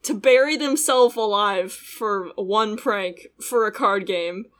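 A woman's voice: medium pitch, takes it slowly, fairly bright tone. A woman co-hosting a podcast, recapping an anime episode in casual, sarcastic chat, often laughing and swearing now and then. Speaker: podcast co-host.

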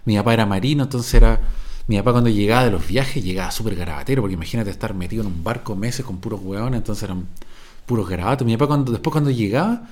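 Speaking fast in a fairly low, slightly mellow voice, a middle-aged Chilean Spanish speaker from Viña del Mar hosts his podcast. The monologue is improvised, rambling and digressive, loaded with slang and swearing.

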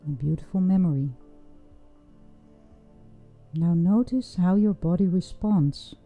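A woman leading a guided breathing meditation in a soft, soothing, unhurried voice with long pauses. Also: on the low side. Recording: dull, muffled sound with music underneath. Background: music.

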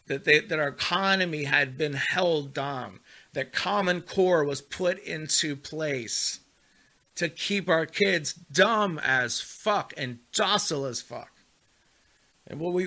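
A man's voice: on the high side, sharp tone. Heated, profane man ranting. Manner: repeats words and restarts when worked up. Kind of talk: impassioned monologue.

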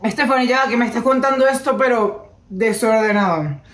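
A Venezuelan woman with a high voice co-hosts a casual podcast. She breaks in with questions and recaps the story back to her friend. The recording has a roomy echo. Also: normal speed. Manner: interjects questions, sums up the story. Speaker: podcast co-host. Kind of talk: casual chat.

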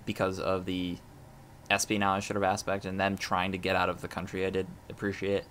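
A man co-hosting a casual movie review chat, relaxed and hesitant, with many fillers. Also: low-pitched, fairly quick, slight background noise. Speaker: podcast co-host.

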